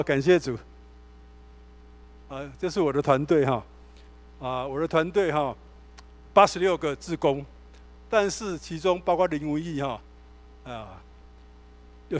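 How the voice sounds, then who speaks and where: A male pastor with a Taiwanese Mandarin accent delivers a sermon in a church sanctuary. His voice sits a touch higher than most men's. He tells stories with animated energy, acting out the dialogue as he goes. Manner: animated storytelling, acts out dialogue.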